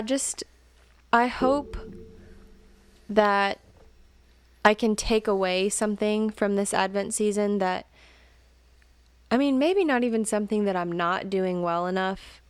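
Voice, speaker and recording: A young woman co-hosting a casual podcast chat, thinking out loud with many fillers and the odd joking aside. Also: medium pitch, clear, resonant tone, dry recording. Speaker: podcast co-host.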